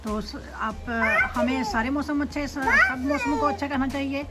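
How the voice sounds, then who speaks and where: A woman from Pakistan vlogging casually about rain, talking slowly and thoughtfully with many fillers, filming on a phone from her back door. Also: sits high, huge pitch swings, very noisy. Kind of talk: casual vlog chat, switching between English and Urdu. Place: at an open back door of a house, looking onto a garden. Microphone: phone camera held in hand.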